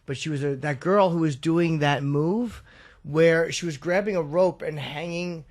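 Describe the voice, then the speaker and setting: A man's voice: a little high, measured pace. A man co-hosting a podcast, telling stories in chatty, profane casual banter. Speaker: podcast co-host.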